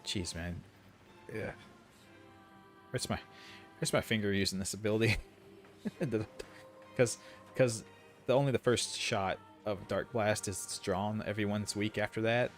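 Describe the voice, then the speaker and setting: A man's voice: lowish voice, a little slow, pauses often, faint music behind. A man streaming a video game, giving casual commentary with rambling, opinionated asides. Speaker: gaming streamer.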